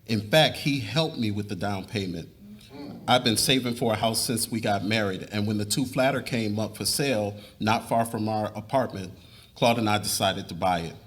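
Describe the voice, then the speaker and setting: In a live dramatic reading with room noise, a man with a lowish, fairly bright, everyday-sounding voice plays an earnest middle-aged husband and father. He speaks at a moderate pace, explaining and confessing.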